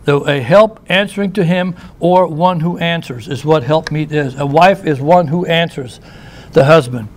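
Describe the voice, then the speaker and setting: A man's voice: on the high side, moderate pace. A man preaching a sermon in a church, conversational, with asides and restarts. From United States.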